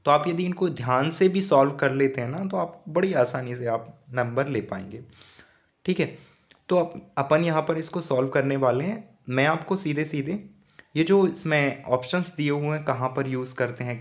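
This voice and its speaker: A man who teaches English grammar patiently and often repeats key points as questions for the students. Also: mid-range voice. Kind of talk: explaining an English grammar lesson. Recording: dull lo-fi sound.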